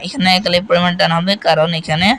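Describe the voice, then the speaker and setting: A man teaching Quran recitation, spelling out letters and vowel marks, then reciting each word slowly and repeating it. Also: high voice, little pitch movement, fairly bright tone, a little hiss or hum, poor audio. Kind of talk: step-by-step recitation lesson.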